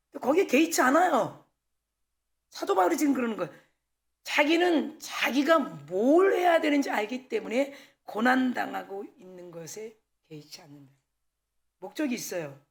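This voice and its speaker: A woman pastor delivers a church sermon in a high voice with a gravelly edge. She talks frankly and tells stories with lively energy. She acts out the exchanges as she goes. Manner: candid, animated storytelling with acted-out dialogue. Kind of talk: sermon with personal anecdotes. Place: church service.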